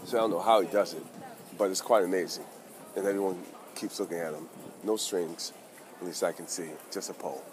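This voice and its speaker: A man hosting a casual street vlog outdoors, talking excitedly and in slang straight to his viewers. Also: low-pitched, a little fast. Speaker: vlog host. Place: outdoors on busy town streets. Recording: busy street crowd and noise.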